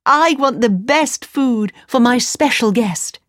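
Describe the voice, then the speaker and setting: A woman putting on a high, bright young princess. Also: animated, slow pace, no echo, clean studio sound. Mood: eager.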